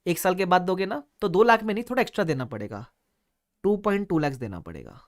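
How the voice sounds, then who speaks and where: A man's voice: sits high, big pitch swings, fast talker. A man voicing a cheeky, blunt male laptop shopkeeper in a classroom story. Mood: teasing. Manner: blunt, teasing, streetwise.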